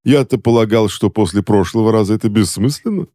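A man's voice: on the low side, brisk, mellow, no room sound, clean studio sound, voice pushed up, close to an everyday voice. A man voicing a smug, sarcastic man who keeps his brother captive, with false, mocking concern, in an audiobook. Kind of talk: audiobook character voice.

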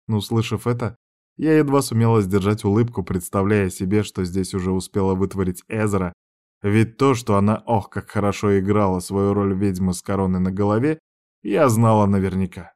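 A man's voice: fairly low pitch, moderate pace, a little mellow. Man reading a fantasy audiobook. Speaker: audiobook reader. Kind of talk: scripted narration.

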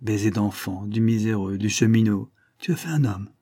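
A man doing an old tramp, tearful and halting. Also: lowish voice, mellow, natural voice. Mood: moved. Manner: halting, emotional.

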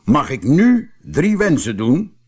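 A man voicing a cunning, easygoing male shoemaker who talks calmly and slyly. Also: on the high side, slow, slightly rough, pitched above the performer's own voice, exaggerated voice. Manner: calm, sly and friendly.

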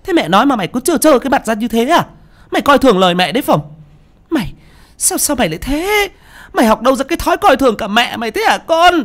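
A shrill, frantic village mother, as a male storyteller puts her on, her voice jumping high and wide. She shrieks and pleads in a strained, piercing tone, lifted far above a man's speaking voice. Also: big pitch swings, fast talker, fairly bright tone, heavily acted. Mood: furious scolding.

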